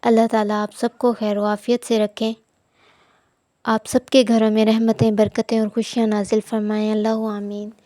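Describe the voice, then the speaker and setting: A woman teaching Quran recitation with tajweed, drawing out each recited phrase slowly, then patiently explaining the pronunciation. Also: a little high, warm tone, no echo, clean studio sound. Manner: slow drawn-out recitation, then brisk explanation.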